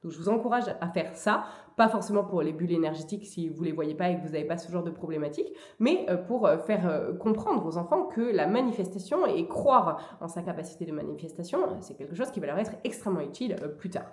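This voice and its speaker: A woman's voice: on the low side, animated. Chatty woman vlogging in an echoey room. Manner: chatty and hesitant, with frequent pauses. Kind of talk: casual spiritual advice vlog.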